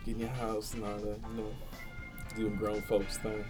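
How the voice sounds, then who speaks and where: A man's voice: on the low side, monotone, moderate pace, music in the background. A man chatting casually with friends, playful and laughing often. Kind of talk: casual chat among friends.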